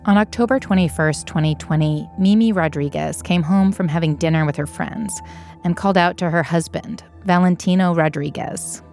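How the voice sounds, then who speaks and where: A woman narrating a documentary podcast in a measured, matter-of-fact scripted style. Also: fairly low pitch, darkish tone, faint music behind.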